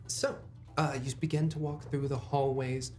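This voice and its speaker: A game master improvising narration for a tabletop role-playing game, haltingly and thinking aloud. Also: mid-range voice, level tone, darkish tone.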